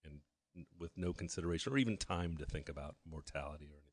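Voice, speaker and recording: A man in his fifties, a guest telling his story candidly in a halting way that often restarts with repeated words. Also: rumbling low. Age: 50s.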